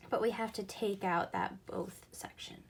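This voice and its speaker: A woman's voice: mid-range voice, steady tone, moderate pace, vocal fry, slightly rough. A woman teaching a recorded math lesson, explaining patiently and going back over each key point.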